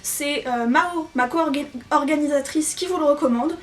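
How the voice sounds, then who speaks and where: Young female book vlogger, high bright voice, eager and chatty, mic a bit distant. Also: measured pace. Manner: chatty and enthusiastic, with frequent fillers. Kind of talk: casual book recommendations. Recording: voice a little off-mic, faint music behind.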